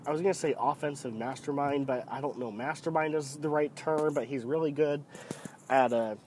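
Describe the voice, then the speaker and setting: A man with a head cold that deepens his voice, giving casual, rambling, opinionated solo football commentary as a podcast host, often hesitating. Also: moderate pace, darkish tone, a little hiss or hum. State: sick with a cold.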